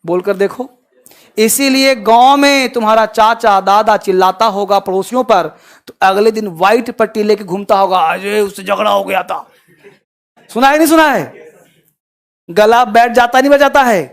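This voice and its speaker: A man teaching a class in a lecture style, constantly quizzing his students and swinging between loud emphasis and quiet asides. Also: sits high, moderate pace. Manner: addresses students with frequent quizzing questions.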